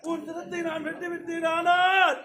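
An actor playing Parasurama, a stern young warrior son with an axe, in a village stage drama, declaiming formally and shouting questions. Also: male voice, very high voice, flat delivery, normal speed, a crowd in the background. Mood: grieving. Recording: echoey live stage with loud music.

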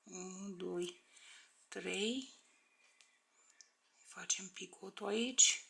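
A woman's voice: mid-range voice, gravelly, bright, forceful tone. Woman counting crochet stitches. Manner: counts stitches aloud, often under her breath; checks in with viewers with "da?". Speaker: crochet teacher. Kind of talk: step-by-step crochet tutorial.

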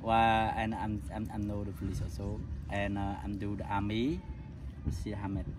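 A man's voice: fairly low pitch, flat delivery, normal speed, noisy background. A Cambodian man in his forties, a tuk-tuk driver, telling stories in broken English with a Cambodian accent, laughing often and acting out the voices of people he quotes. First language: Khmer. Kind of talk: casual storytelling interview.

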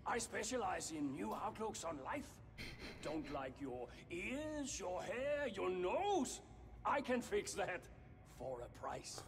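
A sly barber-surgeon peddler in a video game, drawling his pitch slowly in a high, swooping voice with a gravelly edge. It plays as game audio with long reverb and music underneath. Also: very animated, exaggerated voice. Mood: salesy. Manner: silky sales pitch, slightly sinister. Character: smooth-talking male barber-surgeon merchant.

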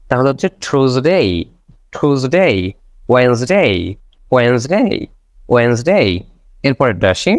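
A man teaching English pronunciation in an online class. He says each word slowly and repeats it several times. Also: medium pitch, no room sound.

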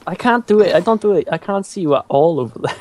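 A man's voice: high-pitched, lively intonation, fast, a little mellow. A man teasing and joking with friends in casual voice chat while gaming. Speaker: gamer.

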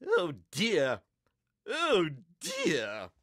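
A man's voice: sits high, wildly swooping pitch, extremely slow, a bit bright, no room sound, studio quality, pitched above the performer's own voice, heavily acted. A man voicing a pompous, flustered male villain scientist who stammers and frets. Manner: stammering, fretful.

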